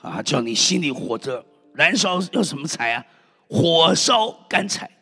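A male preacher with a high, sharp, slightly husky voice that leaps up and down as he exclaims to his congregation. His fervent, emphatic sermon rings through a reverberant church hall, with soft music underneath.

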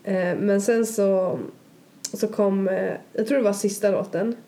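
Brief: young woman, mellow tone, chatty rambling storyteller. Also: mid-range voice, fairly even intonation. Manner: rambling, lots of fillers and quoted asides. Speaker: podcast co-host. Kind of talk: casual storytelling chat.

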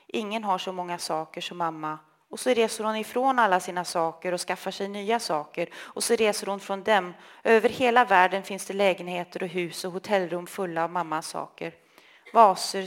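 A woman reading a literary text aloud in a slow, measured, intimate way. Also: medium pitch. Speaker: reader.

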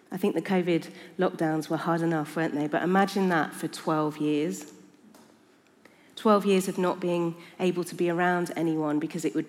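A woman's voice: on the low side, darkish tone. A woman giving an earnest, conversational sermon in a church. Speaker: preacher. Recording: long reverb of a church hall.

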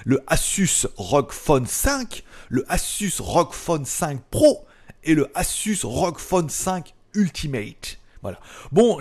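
A man's voice: mid-range voice, a little mellow. Chatty sarcastic French tech vlogger man. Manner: chatty, sarcastic asides, frequent fillers. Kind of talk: casual tech news chat. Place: lives in Thailand.

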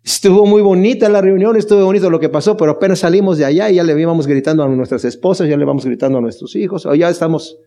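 A man's voice: on the high side, racing, few pauses, mellow. A man preaching a Bible study sermon, speaking earnestly and emphatically, asking his listeners rhetorical questions and addressing them fondly. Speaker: pastor leading a Bible study.

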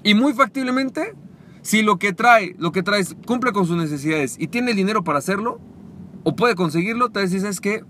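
A man hosting a podcast, coaching listeners on sales and acting out short dialogues in a calmer, lower voice. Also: normal speed, a little hiss or hum. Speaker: podcast host. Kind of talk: motivational sales talk.

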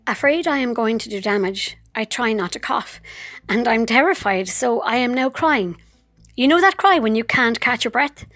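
An actress narrating a personal memoir in a wry, vivid way, with sudden outbursts. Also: female voice, fairly high pitch, animated, moderate pace, a bit bright, soft background music.

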